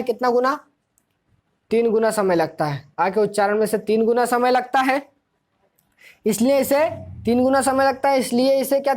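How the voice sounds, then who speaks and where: A woman teaching a grammar lesson for exam students. She asks the class questions, answers them herself and repeats key points. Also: on the high side. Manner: explanatory, drilling tone.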